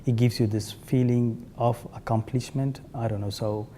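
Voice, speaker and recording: A young man, telling his story as a resettled refugee in a documentary interview, speaking haltingly with frequent fillers. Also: mid-range voice, steady tone, warm tone, a little hiss or hum. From Eritrea, born in Ethiopia.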